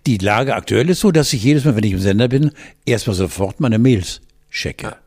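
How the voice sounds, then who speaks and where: Husky middle-aged guy, rambling podcast stories, does little voices. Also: fairly low pitch, moderate pace, a little mellow. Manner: rambling storyteller, acts out quoted voices. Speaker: podcast co-host. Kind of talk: casual chat.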